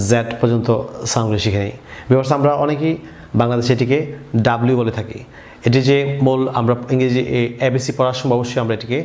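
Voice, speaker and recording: A man's voice: medium pitch, darkish tone. A man with a Bangladeshi accent teaching English pronunciation, leading repetitive call-and-response drills for viewers. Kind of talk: classroom drill lesson. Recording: echoey room with faint noise.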